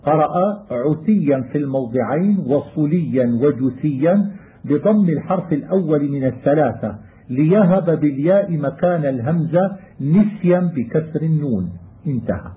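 A man's voice: a little high, animated, moderate pace, a little hiss or hum. A man teaching Quran recitation readings, chanting verse lines and then explaining each one plainly. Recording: tinny phone-like audio.

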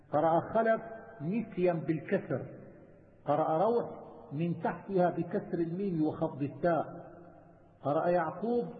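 Male teacher, high voice, steady itemized recitation; thin lo-fi sound with a long hall echo. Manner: measured, methodical listing. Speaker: teacher of Quranic reading variants. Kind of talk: chanted recitation and itemized explanation. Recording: tinny phone-like sound with long reverb.

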